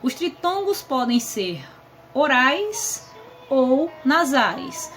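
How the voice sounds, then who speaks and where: A Brazilian woman teaching a grammar lesson to sixth graders in an affectionate, explanatory way, voicing her pupils' questions herself. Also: sits high. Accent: Brazilian Portuguese.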